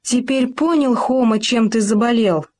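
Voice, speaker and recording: The storyteller voicing an excitable, anxious young male gopher, raising the pitch for a storybook reading. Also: moderate pace, close to an everyday voice. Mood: earnest.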